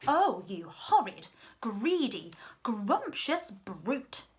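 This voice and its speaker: A woman's voice: fairly high pitch, big pitch swings, takes it slowly. A woman voicing an outspoken, easily horrified female animal in a children's story, with raised, emphatic exclamations. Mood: indignant.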